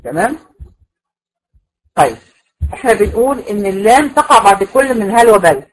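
A woman's voice: medium pitch, big pitch swings, moderate pace, low-quality recording. Patient Egyptian woman teaching recitation. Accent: Egyptian Arabic. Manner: patient, repeats points and checks understanding. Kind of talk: classroom lecture.

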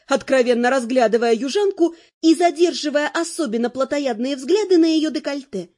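A woman narrating a romantic fantasy audiobook in the first person, with lively storytelling. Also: high voice.

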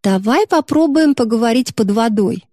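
A woman's voice: fairly high pitch, expressive, moderate pace, a little mellow, no echo, studio quality. A woman voicing a cheeky, rebellious little girl who whines and sulks. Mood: playful. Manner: whiny, petulant.

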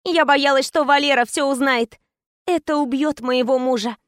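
A woman's voice: high-pitched, fairly even intonation, normal speed, no echo, studio quality. A woman narrating a tense first-person story as an audiobook reader.

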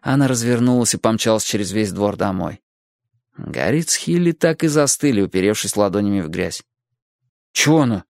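A man narrating an audiobook in an expressive storytelling manner. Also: fairly low pitch, fairly quick, vocal fry, no room sound, studio quality. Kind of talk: audiobook reading.

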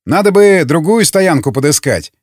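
Higher-pitched young male raider, cheeky, chatty, grumbles and teases, voiced by a man, audiobook. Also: very animated, normal speed, no room sound, studio quality. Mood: uneasy.

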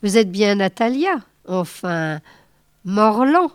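A woman's voice: medium pitch, sing-song, slow pace, smooth, no echo, clean studio sound. A woman reading aloud voices a nervous, paunchy man in his fifties who stammers bashfully. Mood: flustered. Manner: stammering, flustered.

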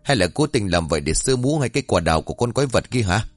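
A man's voice: on the low side, big pitch swings, quick pace, no echo, soft background music. A man voicing a blunt village wife who scolds sharply. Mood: scolding.

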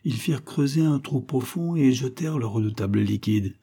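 A man narrating a short story in a measured, theatrical audiobook reading. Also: mid-range voice, expressive, dark tone, husky.

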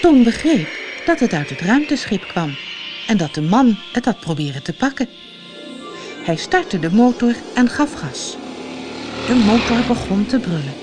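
A woman from the Netherlands reading a children's audiobook aloud with expressive storytelling. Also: mid-range voice, measured pace, music in the background. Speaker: storybook reader.

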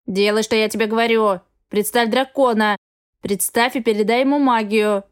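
A woman's voice: a little high, moderate pace, close to an everyday voice. A woman voicing a pushy, demanding young man in an audiobook. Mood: commanding. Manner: demanding and insistent. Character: pushy scheming young man, a rival suitor. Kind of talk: audiobook character reading.

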